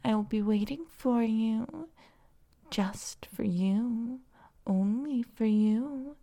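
A woman voicing a seductive female vine creature in a whispered audio roleplay, speaking in a soft, breathy, coaxing way. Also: on the high side, slow.

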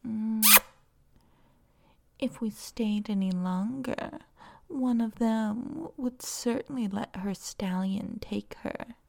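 A woman voicing a seductive female vine creature in a whispered audio roleplay, speaking in a soft, breathy, coaxing way. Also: a little high, takes it slowly.

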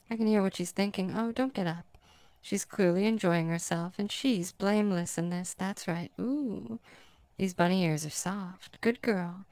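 A woman's voice: fairly low pitch, smooth, no echo, lightly acted. Woman playing a smug teasing succubus. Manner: teasing, languid, commanding, soft-spoken. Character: dominant, playful female succubus demon, smug. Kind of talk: erotic audio roleplay.

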